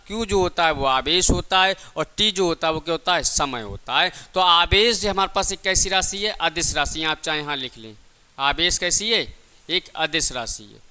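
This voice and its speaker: In a high, very bright, crisp voice, a male physics teacher leads an exam-prep lesson. He explains step by step with lots of repetition, asking short questions and answering them himself.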